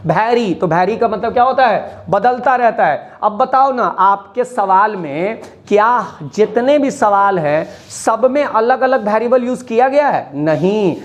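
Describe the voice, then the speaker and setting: A woman's voice: mid-range voice, animated, a little slow, few pauses, lo-fi sound. A woman math teacher gives a classroom lesson to children. She repeats phrases, asks the class questions, and switches into English mid-sentence.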